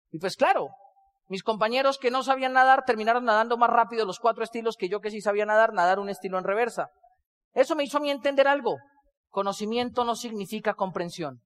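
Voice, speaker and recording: A man giving a motivational talk at a business convention, telling stories and building up to loud, emphatic passages. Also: very high voice. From Colombia.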